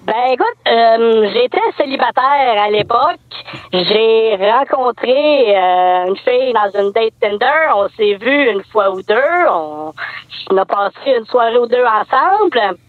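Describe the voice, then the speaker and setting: A man's voice: measured pace, no echo. A man with a Québécois accent calling in anonymously, his voice run through a voice changer to disguise it, speaking hesitantly with many fillers. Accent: Québécois French. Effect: voice changer disguising the voice, pitched up. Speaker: anonymous caller. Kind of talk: phone-in confession on radio. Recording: tinny phone line.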